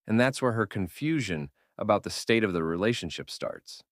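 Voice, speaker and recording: Lively low-voiced man narrating a video essay. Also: normal speed, no echo, studio quality. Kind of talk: scripted analytical narration.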